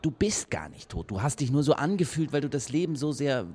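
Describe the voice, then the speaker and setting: A man's voice: a little high, big pitch swings, a little fast, a little mellow, slight background noise. An actor in a radio play voicing an earnest man who presses another man on whether true love can still happen. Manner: earnest, searching, insistent questions.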